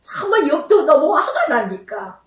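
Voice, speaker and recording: A high-voiced woman pastor delivers a sermon, her pitch rising and falling widely as she pleads through her testimony. She stands some way from the mic, and the room around her is echoey. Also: wildly swooping pitch, a little slow, distant mic. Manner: emotional, pleading testimony with swings in pitch and loudness.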